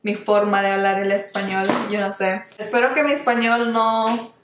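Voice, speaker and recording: In an echoey small room with a noisy background, a young adult woman gives a casual, chatty makeup review as she applies the products. She's a beauty vlogger with a medium-pitched voice, little pitch movement, and a moderate pace, frequently restarting words and borrowing English terms.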